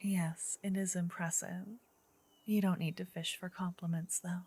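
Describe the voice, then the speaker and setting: A woman playing a gentle, earnest druid in an ASMR role-play, her soft female voice slipping between breathy soft voice and low murmur. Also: level tone. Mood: dry, teasing. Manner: slow, gentle, intimate female voice with pauses. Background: soft medieval ambience and music.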